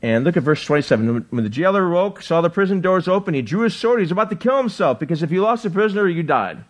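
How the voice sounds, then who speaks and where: A pastor with a high voice preaches a sermon fast and excitedly, firing many rhetorical questions at the congregation.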